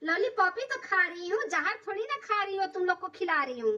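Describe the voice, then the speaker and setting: This is a cartoon daughter-in-law, young, modern and openly talking back, played by a woman. The voice is very high and the sound dull and lo-fi. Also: expressive, a little fast, pushed and bright, full character voice. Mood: defensive. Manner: sassy, talks back. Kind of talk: cartoon comedy voice acting. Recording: distant, dull lo-fi recording.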